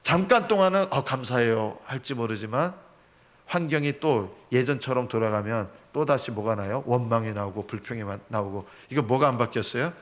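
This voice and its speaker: A man's voice: mid-range voice, a little fast, a bit bright. A man preaching a sermon as pastor. He asks rhetorical questions and acts out quotes. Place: church sanctuary.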